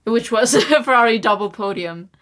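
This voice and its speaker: A young woman co-hosting a casual podcast, giggly and excitable, quick to agree. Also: fairly high pitch. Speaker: podcast co-host. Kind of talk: casual chat.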